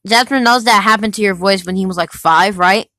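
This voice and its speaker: In a casual chat at home, a nineteen-year-old woman keeps up a steady stream of quick, curious follow-up questions. Her voice is medium-pitched, and there's no room sound.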